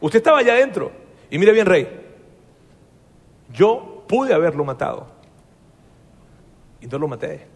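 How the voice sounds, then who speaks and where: Earnest young hero pleading with a king, high voice, reverb of a hall as a preacher puts him on. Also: big pitch swings, a little slow, creaky, long pauses, slightly rough, full character voice. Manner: earnest, imploring, repeats his point.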